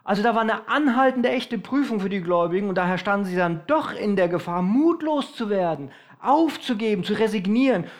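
A man preaching a sermon to his congregation, emphatic and slowing down to stress key points. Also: high voice, animated. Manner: emphatic, varies loudness, slows for stress.

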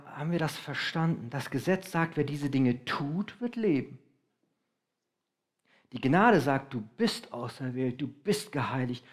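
Male preacher, high-pitched, emphatic, stretches key phrases. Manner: emphatic, varies loudness, slows for stress. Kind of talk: sermon.

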